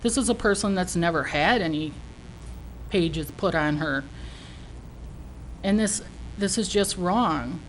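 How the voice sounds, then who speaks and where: Female citizen speaker, slightly low register, indignant prepared statement, faint background noise. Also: takes it slowly, long pauses, low-quality recording. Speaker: citizen giving public comment. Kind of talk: prepared speech of complaint. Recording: faint noise, meeting room.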